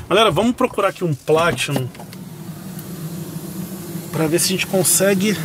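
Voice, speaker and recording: A man with a Brazilian accent and a slightly high voice vlogs casually about cars. He thinks aloud in an informal way, in and around parked vehicles, with clear ambient noise behind him. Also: lively intonation, moderate pace. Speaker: car reviewer. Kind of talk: casual car vlog.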